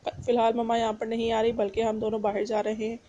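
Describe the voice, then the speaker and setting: A playful, bossy young husband from a romance novel, read aloud by a woman. The voice sits fairly high and soft, with little rise and fall. He teases more than he acts out. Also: monotone, quick pace, lo-fi sound, close to an everyday voice. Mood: chiding.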